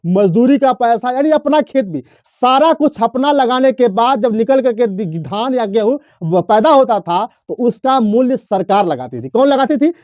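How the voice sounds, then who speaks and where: A man's voice: very high voice, lively intonation, normal speed, few pauses, no room sound, lo-fi sound. A man presenting explanatory news commentary, emphatic and rhetorical, addressing listeners directly.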